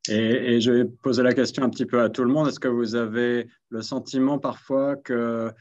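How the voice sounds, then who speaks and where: A man's voice: mid-range voice, little pitch movement, normal speed, a little mellow, lo-fi sound. A man hosting a radio panel, posing long, carefully framed questions to the guests. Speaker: radio host.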